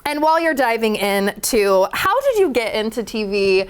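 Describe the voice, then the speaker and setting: A woman's voice: on the high side, very animated, moderate pace, clear, resonant tone. A woman hosting a morning talk show, chatting casually and laughing often. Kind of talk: casual chat.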